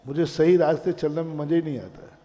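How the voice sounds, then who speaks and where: A Jain monk gives a sermon, telling a personal story full of rhetorical questions and acting out a dialogue with his own mind. His slightly high voice is steady, mellow and a little fast, and the lo-fi recording has long hall reverb.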